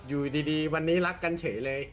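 A man talking in character as a gang leader in an online role-play game, calm and taunting. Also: a little high, brisk, a little hiss or hum.

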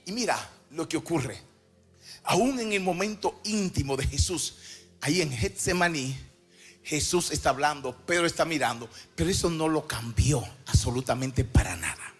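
A pastor preaching a sermon in a chanted sing-song cadence, breaking into shouts and calling on the congregation to respond. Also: male voice, fairly high pitch, expressive, moderate pace, faint music behind. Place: church service before a congregation.

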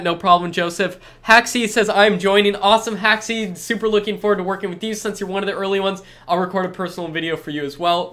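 A young man with a stuffed-up cold speaks in a high-pitched, fairly bright voice. During a live stream from a small room with a lit backdrop, he reads chat questions aloud and answers them with upbeat, repetitive salesy reassurances.

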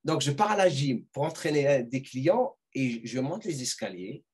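A middle-aged man telling a personal story as a podcast guest, animated and full of restarts and repeated words. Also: medium pitch, moderate pace, slightly rough. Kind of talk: casual storytelling.

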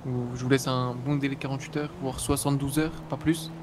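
A man's voice: mid-range voice, flat delivery, quick pace, noisy background. A man playing a police officer in game role-play, casual and switching between polite and blunt. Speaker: player acting a police officer.

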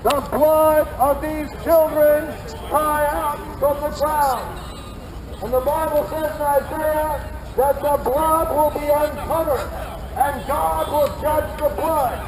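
A middle-aged man declaims an open-air sermon with loud, fervent insistence. His voice sits very high and he speaks in slow, deliberate phrases. It rings out across an echoey city street over the clear murmur of a large crowd. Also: fairly even intonation, noisy background. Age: 50s. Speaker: street preacher.

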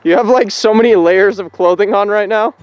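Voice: mid-range voice, brisk, a little mellow, slight background noise. A friend filming from behind the camera outdoors in the snow, joking and teasing in casual banter.

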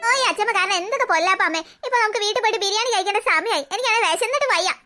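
A woman's voice: extremely high pitch, expressive, very fast, sharp tone, soft background music, heavily acted. A woman voicing a cheeky little girl in a cartoon who mocks her grandmother. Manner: teasing, mocking.

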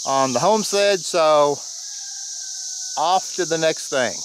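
An upbeat man with an Ozark accent wraps up a segment outdoors on a farm. His voice is a bit high for a man. Crickets and insects buzz clearly behind him. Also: expressive, slow pace, background noise. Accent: Ozark American. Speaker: homestead vlogger. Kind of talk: casual vlog narration.

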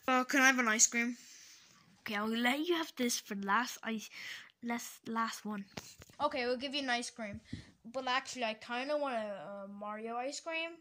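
A woman acting out a comic game roleplay in several voices. She is excitable, bursts into loud shouts, and fills gaps with playful sound effects and sing-song bits. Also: a little high, a little hiss or hum.

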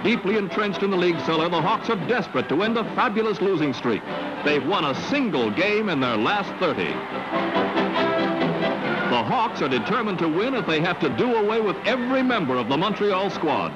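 Old newsreel guy, high bouncy voice, dull lo-fi sound, loud music under him. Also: very animated. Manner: brisk, wry announcer delivery. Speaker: newsreel narrator. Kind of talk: 1950s newsreel sports narration.

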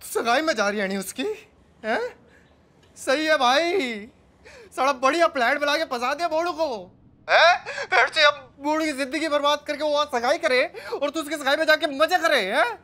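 A young actor playing a brash, quick-tempered small-town college student who talks bluntly in rough slang, with music underneath. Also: male voice, very high-pitched, bright, forceful tone. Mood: bitter. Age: young adult.

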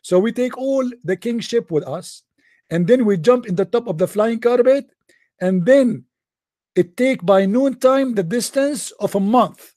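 Man, sarcastic deadpan commentary, high voice, dry close sound. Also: measured pace, dry recording. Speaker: host. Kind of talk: sarcastic commentary over a text.

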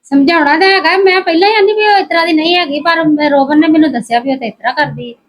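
Scolding mother played by a woman, high voice, rapid talk. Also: close to an everyday voice. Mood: convinced. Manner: scolding, quick to believe. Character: mother of the household, scolding but trusting. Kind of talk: Punjabi family short film acting.

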